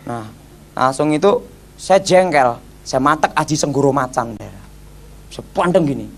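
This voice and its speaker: Animated man preaching. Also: mid-range voice, normal speed, vocal fry. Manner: animated, acts out voices, addresses audience as brothers. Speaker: evangelist giving testimony. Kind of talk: storytelling sermon testimony.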